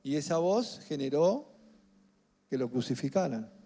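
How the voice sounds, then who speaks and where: A man with a Rioplatense accent preaching a sermon as pastor, emphatic and building to near-shouts on key phrases. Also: a little high, animated, a little slow. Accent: Rioplatense Spanish. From Argentina. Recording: echoey hall with faint music.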